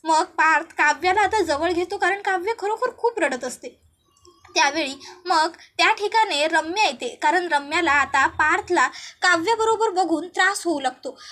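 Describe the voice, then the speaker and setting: Woman narrator, very high voice, steady storytelling, serial episode recap. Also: moderate pace.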